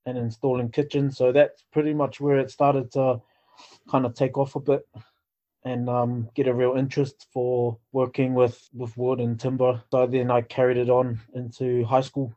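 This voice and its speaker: A man's voice: mid-range voice, flat delivery, normal speed, dark tone. A man with a New Zealand accent chatting casually as a podcast guest, laid-back and informal, on a slightly dull, lo-fi recording. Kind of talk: casual chat.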